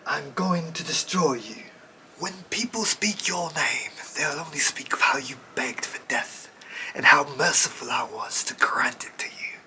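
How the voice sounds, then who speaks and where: A man reading a story passage aloud in a measured, deliberate way. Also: a little high, bright, forceful tone, a little hiss or hum, poor audio.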